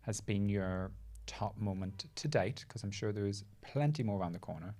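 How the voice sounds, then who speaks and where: A man's voice: on the low side, normal speed, darkish tone. A man hosting a casual chat show, putting questions to a guest in an informal way. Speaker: podcast host.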